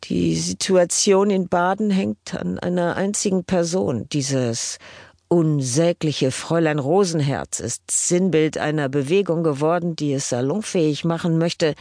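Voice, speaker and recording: A woman reading the part of a fanatical older Prussian general whose speech is slurred and indistinct, slow and commanding. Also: sits low, a little mellow, no echo, clean studio sound. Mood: cold, contemptuous.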